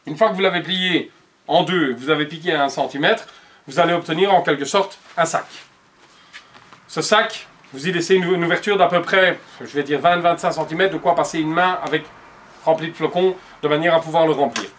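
Brisk and fairly high-pitched with a fairly bright tone, a man in his forties talks the viewer through cushion making one step at a time. The upholsterer speaks patiently and directly to the audience from his workshop showroom, captured on the camera mic.

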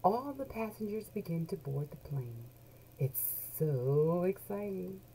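A middle-aged woman with a lowish voice reads a children's picture book aloud in a small room at home, an animated, deliberate storyteller drawing out key words. She hosts a children's book read-along, recorded on a noisy home webcam.

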